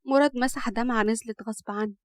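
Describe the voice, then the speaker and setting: A woman with an Egyptian accent narrating a family story in a brisk, lively way. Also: a little high. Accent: Egyptian Arabic.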